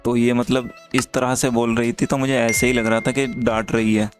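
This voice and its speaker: A man walks viewers through chat screenshots in a relaxed, matter-of-fact way, his pitch sitting in a middle range. His delivery stays even and flat, without much rise and fall. Soft music plays faintly underneath. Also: normal speed. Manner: steady, plain, talks straight to viewers. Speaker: YouTube creator giving chat tips. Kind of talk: casual narration of chat screenshots.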